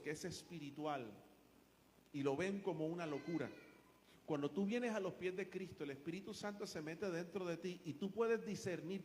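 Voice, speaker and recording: A man's voice: high voice, slight background noise. A man with a Puerto Rican accent preaching a sermon as pastor, emphatic and building his points through repetition. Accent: Puerto Rican Spanish. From Puerto Rico. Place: church sanctuary. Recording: long church hall reverb.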